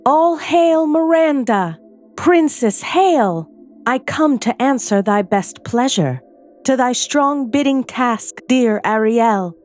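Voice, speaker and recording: Airy female spirit from an audio storybook, eager servant, high and lilting, as a woman narrator puts her on. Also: lively intonation, takes it slowly, a little mellow, faint music behind.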